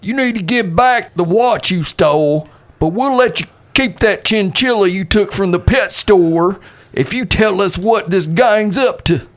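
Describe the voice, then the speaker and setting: A man's voice: high-pitched, a little slow, voice pushed up. A man voicing an oddball Old West lawman who bargains and questions in folksy western talk, in a tabletop game. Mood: bargaining.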